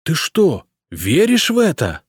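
A man reading an audiobook, voicing a gruff, irritable middle-aged emperor who grumbles and barks at his servant. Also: fairly high pitch, huge pitch swings, takes it slowly, no room sound, studio quality, voice pushed up, full character voice. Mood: angry barking. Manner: barking, exasperated outbursts.

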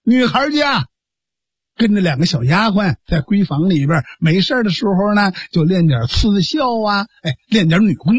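A man with a Beijing accent telling a traditional story in a lively, theatrical way. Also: high-pitched, moderate pace, slightly rough, dry recording, studio quality. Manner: lively, theatrical narration with fillers.

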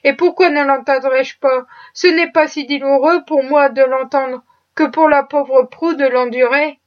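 Earnest young girl, read by a woman, quiet and firm, muffled sound. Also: high voice, steady tone, a little slow. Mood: grave.

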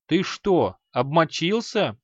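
A grim, bearded mage with a short fuse, as a male narrator puts him on, talking gruffly and menacingly through clenched restraint. The audiobook recording is slightly muffled and dry. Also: fairly high pitch, big pitch swings, slow, no echo, voice pushed up, full character voice. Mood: irritated. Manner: gruff, threatening, barely restrained anger.

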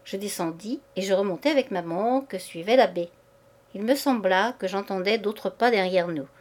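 Woman reader, literary short story, measured expressive narration. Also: mid-range voice.

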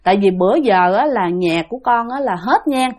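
A woman's voice: a little high, expressive, brisk, a little mellow, lightly acted. A woman voicing a frightened father humbly begging a spirit. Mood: pleading. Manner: humble, pleading.

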